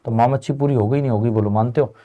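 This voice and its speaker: A man's voice: medium pitch, rapid-fire, muffled recording. A young man teaching a lesson in a chatty way, often asking students whether they follow. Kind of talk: classroom lesson.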